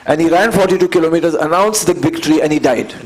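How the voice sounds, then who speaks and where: A man in his fifties with an Indian English accent, telling his story as an interview guest in an earnest, measured way and building his points through repeated phrases. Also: a little high, low-quality recording. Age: 50s. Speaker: guest, endurance athlete.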